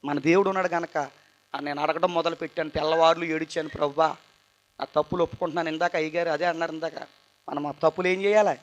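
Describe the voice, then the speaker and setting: A young man with a high voice gives an emotional church testimony. He sounds tired but earnest, rising to loud bursts and dropping to quiet asides as he preaches. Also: fairly even intonation, fast, muffled recording. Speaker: testimony speaker at a church youth meeting.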